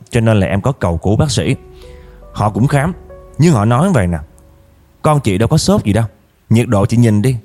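Expressive male storyteller, warm dark tone. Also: mid-range voice. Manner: addresses listeners directly, emotional retelling. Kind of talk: dramatic first-person story narration.

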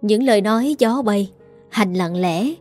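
A woman narrating a family story in a steady, dramatic telling. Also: medium pitch, a little slow. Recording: dry, faint music behind.

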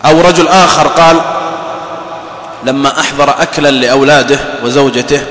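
A man preaching a mosque sermon, telling lively everyday stories and acting out the people he quotes. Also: on the high side, a little fast. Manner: lively storytelling with mimicked quotes. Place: mosque hall. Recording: roomy reverberant hall, faint ambience.

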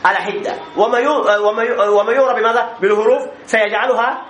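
A man's voice: high voice, steady tone, quick pace, a bit bright, echoey room, a little hiss or hum, low-quality recording. A man teaching a classroom grammar lesson, explaining step by step and often checking that the students understand.

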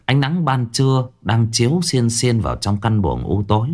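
A man narrating a ghost story with a dramatic, expressive telling. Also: medium pitch, moderate pace.

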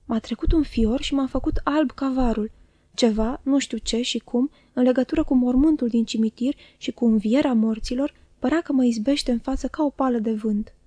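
A woman reading a novel aloud in calm, even storytelling narration. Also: high-pitched, no echo. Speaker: audiobook reader.

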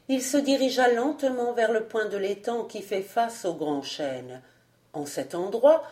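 A woman reading a classic novel aloud as an audiobook narrator, measured and deliberate. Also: mid-range voice, a little mellow.

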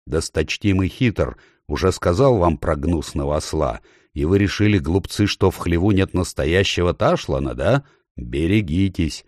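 A man acts out a stern warlord who speaks slowly and heavily, with a low, threatening voice. The sound is close and dry. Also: lively intonation, darkish tone, dry recording. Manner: slow, commanding, threatening.

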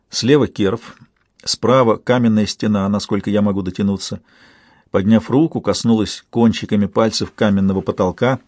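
A man reading an audiobook in a measured, tense first-person narration. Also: lowish voice, a little mellow, dry recording. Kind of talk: scripted narration.

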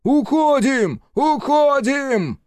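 A man voicing a brash, foul-mouthed male monster hunter in an audiobook, shouting and coarse. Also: on the high side, sing-song, a little slow, no echo, studio quality. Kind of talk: audiobook character voice.

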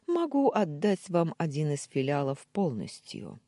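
A narrator voicing Daniil, a hot-tempered young man who bursts out and jumps up in pitch. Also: sing-song, a little slow, warm tone, no echo, studio quality. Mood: mocking.

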